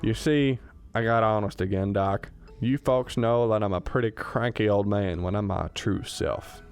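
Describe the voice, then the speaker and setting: In a student radio drama played for laughs, a man voices a cantankerous, wistful old professor who complains in a homespun, self-deprecating way. He sounds natural, with a fairly low, darkish, clean voice at normal speed, and faint music behind him.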